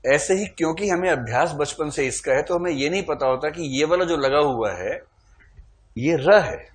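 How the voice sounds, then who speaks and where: A man's voice: fairly high pitch, normal speed. A man teaching a classroom lecture, playfully quizzing his students and calling on them to answer.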